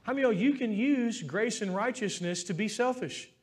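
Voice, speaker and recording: A man's voice: sits high, moderate pace, husky, soft background music. A man preaching a sermon as pastor in a church, talking in an earnest, heartfelt, conversational way.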